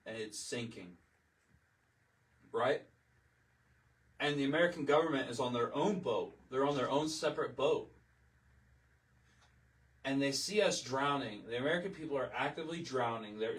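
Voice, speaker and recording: A man's voice: mid-range voice, far from the mic, low-quality recording. Heated man ranting on a livestream. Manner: heated, emotional, repetitive, swears. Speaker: livestream host. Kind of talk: impassioned political livestream rant.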